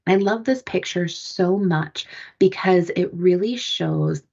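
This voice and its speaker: A woman giving a calm, explanatory webinar presentation to parents and caregivers. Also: fairly low pitch, slow, gravelly, highs cut off.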